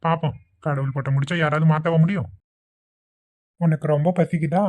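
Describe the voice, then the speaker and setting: A woman's voice: sits low, steady tone, brisk, narrow, tinny audio. A woman voicing a kindly elderly man in a cartoon who frets while minding a crowd of children. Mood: gentle. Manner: fretful, flustered. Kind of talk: cartoon voice acting.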